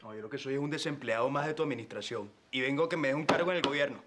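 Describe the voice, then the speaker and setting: A man's voice: mid-range voice, rapid-fire, very noisy, close to an everyday voice. An actor playing a cheeky, jobless young man who begs his father for a job in a telenovela. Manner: cheeky, pleading with a laugh. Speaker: son in a telenovela. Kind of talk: telenovela acting. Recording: soap opera scene with music behind.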